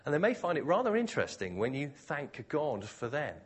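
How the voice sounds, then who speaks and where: Man, preacher, sermon, husky voice, lively intonation, conversational. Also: fairly quick. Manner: conversational, expository, with lively pitch.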